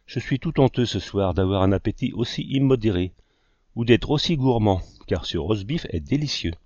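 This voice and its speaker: This is a fussy young artist who loves to argue, as an audiobook narrator puts him on. The low male voice sits dry and close, and the recording has a slightly dull, muffled top. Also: expressive, moderate pace, darkish tone, no echo. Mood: protesting.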